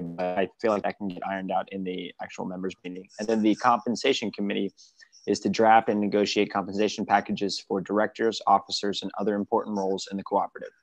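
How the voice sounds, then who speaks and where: A man with a fairly low voice walks members through committee plans. He talks loosely, stopping and restarting, and the sound is dry and close. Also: no room sound. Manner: halting, with many restarts and fillers. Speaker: meeting presenter. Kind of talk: casual online meeting talk.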